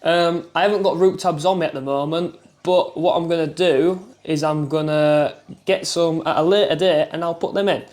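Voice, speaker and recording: Friendly male hobby vlogger, slightly higher pitch, chatty, laughs at his own mishaps, talking into a phone mic by his tanks. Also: steady tone, moderate pace, darkish tone. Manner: chatty, self-deprecating, laughs at himself. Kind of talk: casual chatty tutorial vlog. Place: indoors at home by his fish tanks. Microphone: clip-on mic, then phone mic.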